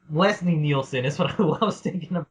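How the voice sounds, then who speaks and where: Reading out listener questions on a casual podcast Q&A, a male host with a fairly high voice takes his time. He rambles, laughs a lot and swears, and the recording has a dull lo-fi quality.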